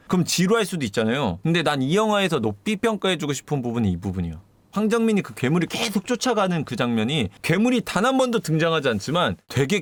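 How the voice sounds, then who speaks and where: Animated man retelling a film casually. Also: a little high, no room sound. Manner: slangy, swears, acts out scenes in lively bits. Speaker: film reviewer, streamer. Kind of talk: casual spoiler review, retelling scenes.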